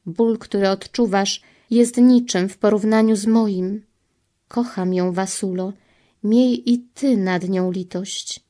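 A woman reading the part of Jesus as a grieving, pleading divine man, solemn and measured. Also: mid-range voice, steady tone, warm tone, natural voice. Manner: solemn, sorrowful, slow and measured. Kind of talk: devotional reading.

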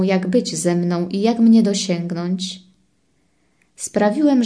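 A woman reading devotional messages aloud in a solemn, measured way. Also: mid-range voice, warm tone.

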